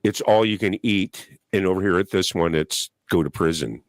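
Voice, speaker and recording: A man's voice: low-pitched, moderate pace, dry recording, studio quality. A man who does open-mic comedy, telling loose stories with swearing and calling people "man". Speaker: panel guest, comedian. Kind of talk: casual chat.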